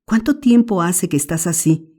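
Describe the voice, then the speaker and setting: A woman's voice: fairly low pitch, lively intonation, moderate pace, dark tone, voice pushed up. A woman voicing an anxious young boy, urgent and pleading, in an audiobook.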